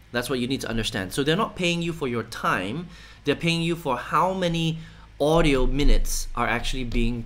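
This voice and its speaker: Male online reviewer, casual screen-share walkthrough, steady and explanatory, keeps checking in with the viewer. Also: medium pitch. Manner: casual, with frequent "right?" and "okay?" check-ins; steady explanatory delivery with some fillers.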